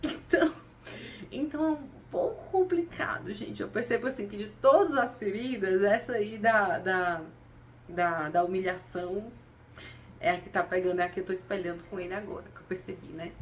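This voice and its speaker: Expressive woman sharing reflections. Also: mid-range voice, fairly quick. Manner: expressive, talks straight to viewers, acts out quoted voices. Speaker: spiritual vlogger. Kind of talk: casual reflective monologue. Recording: slightly distant mic, faint background noise.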